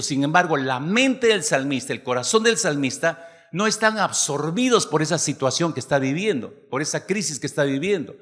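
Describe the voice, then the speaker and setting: A man's voice: a little high, fairly bright tone. A man preaching a sermon, often asking the congregation rhetorical questions. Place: church hall. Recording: long hall reverb.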